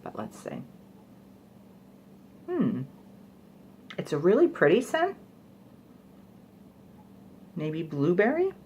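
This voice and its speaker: A woman's voice: lowish voice, wildly swooping pitch, slow pace, long pauses, a little mellow, slight background noise. A young woman chatting casually through a product review, rambling with fillers like "like" and "you know". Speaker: beauty vlogger.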